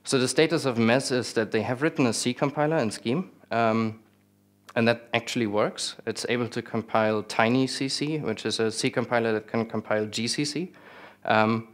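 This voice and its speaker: A young man giving a technical talk with slides in a small lecture room, relaxed, with many fillers and restarts and some dry humor. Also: mid-range voice, moderate pace. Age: young adult. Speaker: conference speaker.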